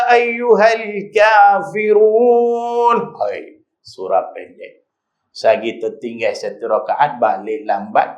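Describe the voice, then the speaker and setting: A middle-aged man, giving an evening religious lecture as a preacher and telling stories with lively, acted-out quotes. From Malaysia. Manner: storytelling with animated jumps in pitch and acted-out quotes.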